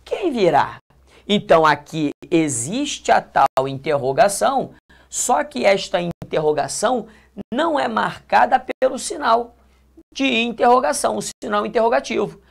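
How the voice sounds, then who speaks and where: A woman's voice: medium pitch, animated, unhurried, vocal fry. A woman with a Brazilian accent teaching grammar in a video lesson, emphatic, repeating key points and dropping colloquial asides. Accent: Brazilian Portuguese. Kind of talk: classroom-style video lesson.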